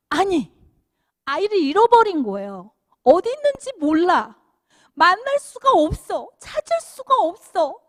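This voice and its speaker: A woman giving a children's sermon, telling the story in an animated, sing-song way. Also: high-pitched, no echo, studio quality. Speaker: children's minister.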